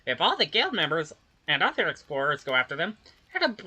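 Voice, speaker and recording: A player reading video game dialogue aloud with casual, expressive delivery. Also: mid-range voice, brisk, breathy edge.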